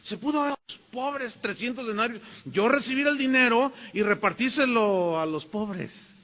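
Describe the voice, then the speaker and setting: A scheming male disciple scoffs with fake-pious indignation, as a preacher puts him on. The voice is high and bright, and the words ring out with a long reverb through a church hall. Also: moderate pace. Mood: scoffing.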